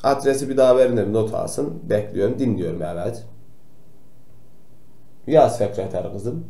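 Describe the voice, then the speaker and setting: A man playing a kindly old grandpa doctor who gently tells noisy children to stay quiet, in a comic role-play for kids. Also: lowish voice, lively intonation, moderate pace. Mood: gently scolding. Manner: gentle, admonishing, talks straight to the kids. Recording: roomy echo.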